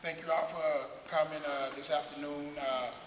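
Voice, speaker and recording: A man from West Dallas, giving an earnest, halting talk to an audience. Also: a little high, flat delivery. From West Dallas, Texas. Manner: earnest, halting with many uh's and repeats. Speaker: guest speaker. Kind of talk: speaking to an audience. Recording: echoey hall, faint hiss.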